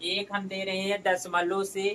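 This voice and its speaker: A man's voice: high voice, completely flat delivery, measured pace, pushed and bright, recorded from a distance, a little hiss or hum, rough recording. A man teaching a maths lesson step by step, calling his viewers friends as he works through each sum.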